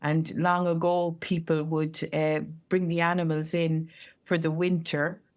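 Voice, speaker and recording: A woman's voice: low-pitched, flat delivery, unhurried. An Irish woman, a storyteller and co-host, chatting casually in conversation. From Ireland.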